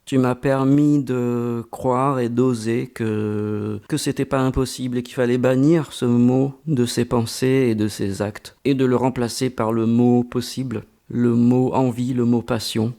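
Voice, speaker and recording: A man's voice: medium pitch, little pitch movement, creaky, dark tone. A man answering interview questions in a reflective way, with frequent hesitations and repeated words. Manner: slow and halting, many hesitations and repeated words. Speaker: interviewee, amateur voice actor.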